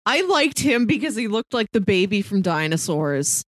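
A woman with a mid-range, sing-song voice speaks at a moderate pace, with no echo on the recording. She co-hosts a podcast, chatting casually about films, playful and wry and often chuckling as she goes.

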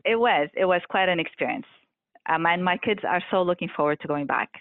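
A woman in her forties from Lebanon speaks in a fairly low voice, measured and full of ums and uhs. The sound is thin and phone-like, and very dry with no room to it. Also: no room sound. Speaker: airline revenue management guest. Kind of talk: casual interview answers. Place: Montreal office. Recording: tinny phone-like line, dry.

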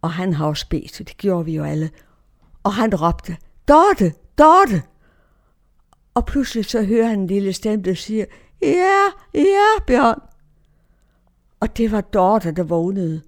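A woman's voice: fairly low pitch, a little mellow. A woman giving a personal faith testimony in an emotional way, her tone swinging widely.

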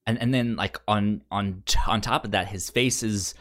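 A man's voice: fairly low pitch, steady tone, normal speed, fairly bright tone. A man co-hosting a podcast who stammers and restarts his sentences often. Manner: stammering, many restarts and fillers. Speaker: podcast co-host. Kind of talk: casual chat.

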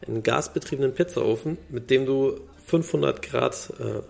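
A man's voice: mid-range voice, moderate pace, gravelly, a little mellow. A man chatting casually as a podcast guest, easygoing with dry humor. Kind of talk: casual chat.

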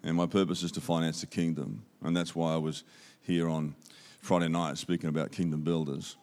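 An Australian guest preacher addresses a church auditorium through a handheld microphone, talking a little fast in a low-pitched, darkish voice with little pitch movement. He keeps it upbeat and conversational, repeating key phrases for emphasis.

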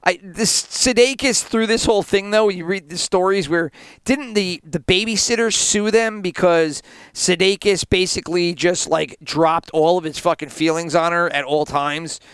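High-voiced jokey man, dry close sound. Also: normal speed, fairly bright tone, clear, resonant tone, dry recording. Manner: laughing, jokey, puts on silly voices. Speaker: podcast co-host. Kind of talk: casual chat.

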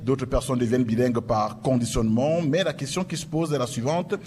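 This forum moderator runs a live panel in an audience-filled event hall, his mid-pitched voice slightly mellow and his pace a little quick. His announcer-like style features emphatic rising openers, and the recording carries the hall's long reverberation plus faint noise.

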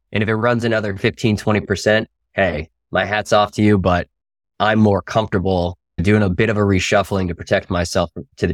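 Deep-voiced man explaining stock moves. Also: no echo, clean studio sound. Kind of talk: casual investing discussion.

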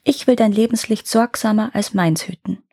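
A woman's voice: mid-range voice, moderate pace, warm tone, lightly acted. A woman voicing a sobbing, devoted young sister in a storybook tale. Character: young sobbing noble daughter, second sister.

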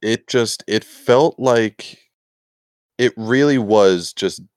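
A man's voice: fairly low pitch, slow pace, a little mellow, clear, resonant tone, no room sound, clean studio sound. A man co-hosting a casual film review chat, mostly chiming in with short reactions and quips. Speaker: podcast co-host.

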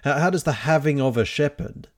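A man's voice: fairly high pitch, brisk. A man in a Bible study discussion, reflecting analytically and explaining his reading of a passage step by step.

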